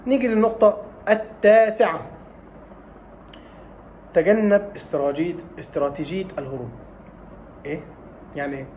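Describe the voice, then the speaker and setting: A man's voice: high voice, fairly quick, pauses often, darkish tone, slight background noise. A young man with an Egyptian Arabic accent giving study advice in a casual vlog, teasing and scolding like a big brother with lots of rhetorical questions. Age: young adult.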